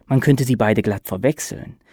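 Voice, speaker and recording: A man's voice: medium pitch, normal speed, creaky, dark tone, dry recording, clean studio sound. A man reading a story aloud, voicing a shy but chatty, cheerful stranger in his mid-forties who speaks with eager politeness. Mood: politely eager.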